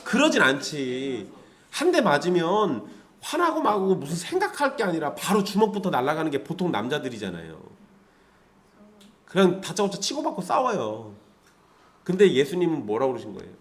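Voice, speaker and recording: Man, pastor delivering a lively conversational sermon, voice a bit high with wide swings. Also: a little fast. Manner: lively, conversational preaching with rhetorical questions to the congregation.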